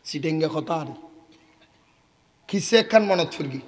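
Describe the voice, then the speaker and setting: A man's voice: on the high side, unhurried, big-room sound. A man from Bangladesh with a Chittagonian accent, preaching a sermon and telling a story in which he acts out the voices and quizzes his audience. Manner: lively, acts out the voices of his story, teases the crowd with questions. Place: outdoor religious gathering.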